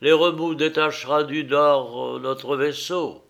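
A man voicing a cunning, commanding Greek hero who shouts taunts across the water. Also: a little high, steady tone, measured pace, gravelly.

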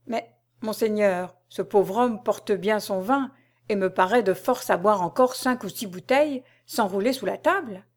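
A woman reading aloud and voicing a scheming male courtier who speaks in a plaintive, mock-solicitous, drawn-out way. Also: mid-range voice, natural voice. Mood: deferential.

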